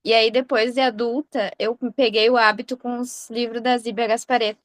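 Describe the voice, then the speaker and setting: Brief: higher-voiced woman, earnest and enthusiastic, dry close sound. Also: flat delivery, normal speed, dry recording. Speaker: book club member. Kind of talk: casual group chat.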